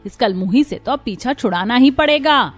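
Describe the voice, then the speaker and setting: A woman's voice: on the high side, animated, moderate pace. Harsh scolding mother-in-law. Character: cruel shrill mother-in-law, middle-aged, scolding. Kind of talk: cartoon voice acting. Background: faint music.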